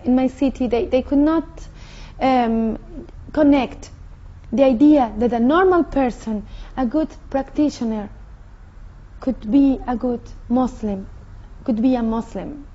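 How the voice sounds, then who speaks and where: A woman with a Mexican Spanish accent, earnestly telling her personal testimony in halting speech with many restarts. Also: high-pitched, dull audio. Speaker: convert sharing her testimony.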